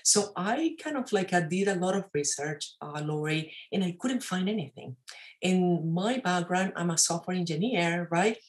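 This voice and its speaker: A woman's voice: lowish voice, expressive, moderate pace. A woman in her forties from Venezuela with a Venezuelan Spanish accent, talking animatedly as a guest on a video call, gesturing and dropping frequent fillers and tag questions. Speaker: guest entrepreneur. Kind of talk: casual interview talk. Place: wood-panelled office, indoors. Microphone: webcam on a video call.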